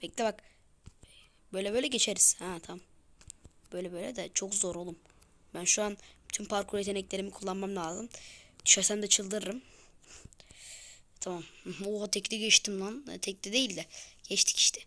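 A young woman giving casual gameplay commentary, excitable and easily frustrated, muttering one moment and crying out the next. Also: medium pitch, a little fast, pauses often. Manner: excitable, swings from muttering to loud frustrated outbursts. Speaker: gaming video creator.

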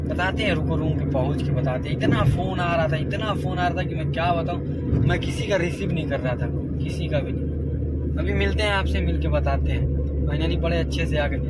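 A man's voice: fairly high pitch, very noisy. A man telling a long casual vlog story, chatting to viewers and retelling a quarrel with friends over parking. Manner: chatty, retells quarrels by acting out quoted voices. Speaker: vlogger. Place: in a car and at his room.

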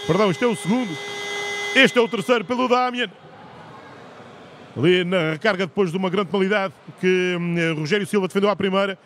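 A man doing live rink hockey play-by-play in short, measured phrases with pauses. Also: high voice, a bit bright, slight background noise. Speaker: main play-by-play commentator.

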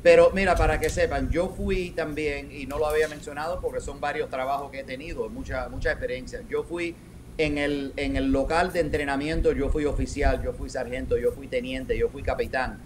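A middle-aged man, a retired police commander, answering interview questions over a webcam from a home office, talking haltingly with many restarts and English words mixed in. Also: mid-range voice, steady tone, a little hiss or hum. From raised in New York. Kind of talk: video call interview. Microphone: video call webcam.

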